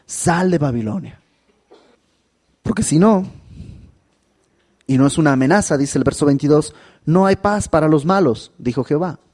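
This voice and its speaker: A man with a Mexican Spanish accent preaching a verse-by-verse Bible sermon, animated and often turning to the listener with questions. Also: fairly quick. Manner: animated, with dramatic pitch swings and asides to the listener. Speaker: pastor.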